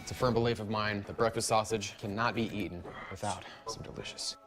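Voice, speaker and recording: A man's voice: fairly low pitch, fairly even intonation, a little fast, over music. A man talking casually to his viewers to camera while eating. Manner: chatty, addressing viewers mid-meal. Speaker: food challenge creator.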